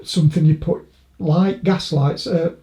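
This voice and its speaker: A woman's voice: sits low, fairly even intonation, a little slow, warm tone. A woman casually interviewing someone, asking curious, tentative questions that she often restarts. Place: inside the interviewee's house. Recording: roomy, echoing indoor sound.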